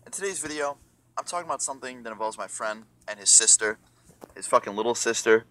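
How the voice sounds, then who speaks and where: A young man telling a storytime rant, profane and excitable, acting out the other people in the story. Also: mid-range voice, fast talker, no room sound.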